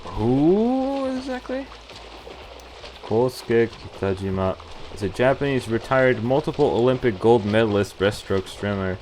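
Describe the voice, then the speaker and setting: A man of medium pitch with a darkish tone reads a visual novel aloud in a sing-song, slightly slow way while streaming, with game music behind him and a little hiss or hum. He's playful and reactive, casually commenting and acting out the dialogue.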